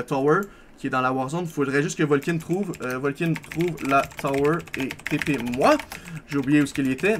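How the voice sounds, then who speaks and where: A man's voice: fairly high pitch, a bit bright, a little hiss or hum. A young man, casually walking viewers through his game server with rambling, self-correcting asides. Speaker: server owner giving a tour. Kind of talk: casual gameplay walkthrough.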